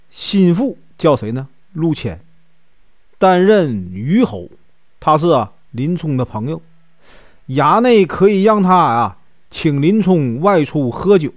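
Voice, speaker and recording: Sly scheming servant guy fawning over his master, northeastern accent, lively up-and-down voice, a storyteller putting him on. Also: a little high, no room sound, studio quality. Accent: Northeastern Mandarin.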